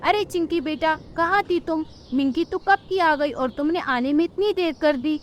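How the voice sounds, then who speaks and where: A woman's voice: sits high, moderate pace, a little hiss or hum, pitched above the performer's own voice, lightly acted. A woman voicing a worried, caring mother bird in a cartoon story. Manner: fond, fretful scolding.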